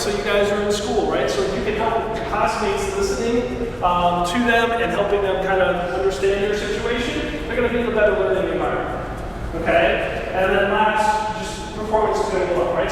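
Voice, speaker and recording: A man with a fairly high voice gives an energetic motivational talk to a room of students, checking in with them again and again. He sounds far from the mic, in a large hall with long reverb. A clear hum of noise sits behind him. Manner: energetic, keeps asking "right?". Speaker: guest speaker. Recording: echoey hall from far off, noisy.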